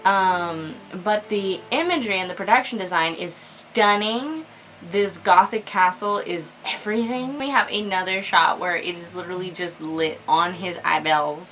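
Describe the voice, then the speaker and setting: A woman's voice: lowish voice, normal speed, dull audio, a little hiss or hum. A young woman chatting casually and enthusiastically as she reviews a movie, peppering her talk with fillers.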